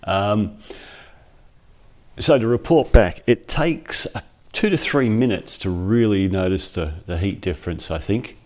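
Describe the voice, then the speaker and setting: Low-voiced man chatting through a gear review. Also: unhurried, a little mellow. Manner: chatty, informal, thinks aloud. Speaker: workshop vlogger. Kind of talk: casual product review. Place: cold workshop. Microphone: clip-on lapel mic.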